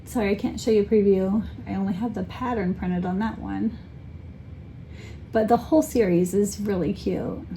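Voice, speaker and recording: A woman's voice: medium pitch, steady tone, normal speed, dark tone, a little hiss or hum. A woman in casual chat as a crafting vlogger, rambling and correcting herself with many ums. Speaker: cross-stitch vlogger.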